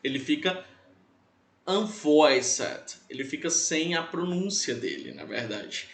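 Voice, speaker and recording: Lively Brazilian teacher, slow and clear. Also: male voice, on the high side, roomy sound. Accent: Brazilian Portuguese. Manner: explains patiently, repeats words to drill pronunciation. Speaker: English teacher. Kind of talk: recorded online class.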